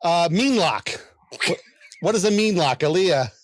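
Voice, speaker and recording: A man's voice: high voice, lively intonation, a little slow, crowd noise. A man hosting a casual quiz chat, laughing often and trailing off in fillers and restarts. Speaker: host.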